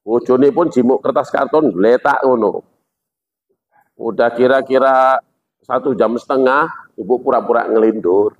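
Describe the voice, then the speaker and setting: A man's voice: medium pitch, measured pace, long pauses. Joking preacher, man. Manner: joking, animated, acts out characters. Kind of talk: humorous sermon with storytelling. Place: mosque gathering. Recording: dull lo-fi sound.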